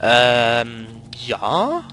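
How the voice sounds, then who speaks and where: Excitable young man commenting a game. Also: mid-range voice, extremely slow, a little hiss or hum. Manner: slangy, swings from mumbling to loud outbursts during fights. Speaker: let's play host. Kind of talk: German let's play commentary.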